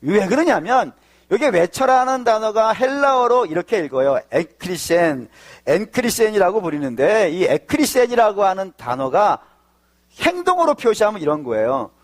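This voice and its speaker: A male pastor giving a sermon, explaining patiently, asking and answering his own questions, with sudden loud emphatic bursts. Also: sits high, very animated, normal speed.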